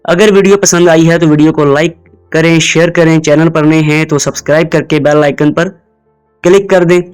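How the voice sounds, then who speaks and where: A fairly high-voiced man, teaching pronunciation in an explainer lesson. He drills each word slowly and several times, inviting the listener to repeat after him. Faint music plays underneath. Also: steady tone, smooth, poor audio. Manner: drills words slowly, repeats them, asks viewers to repeat. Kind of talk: instructional explainer.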